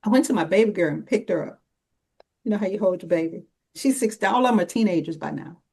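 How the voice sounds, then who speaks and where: A middle-aged woman, a guest and survivor advocate, telling her story in an interview with animated, emphatic delivery. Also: mid-range voice, fast talker, creaky, slightly rough, poor audio. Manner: animated, acts out dialogue, emphatic.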